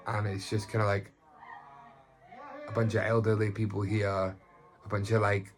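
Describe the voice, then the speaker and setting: A young man from Glasgow with a Glaswegian accent, a stand-up comedian chatting casually and swearing freely about himself. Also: lowish voice. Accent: Glaswegian Scottish. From Glasgow, Scotland. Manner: chatty, sweary, self-deprecating. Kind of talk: casual talking-head interview.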